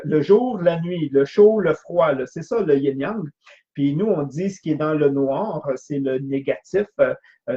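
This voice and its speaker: A man's voice: fairly high pitch, mellow, muffled recording. Quebec French man leading a workshop. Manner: keeps checking in with "ok?", repeats his phrases. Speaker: personal growth workshop leader. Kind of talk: teaching talk to an audience.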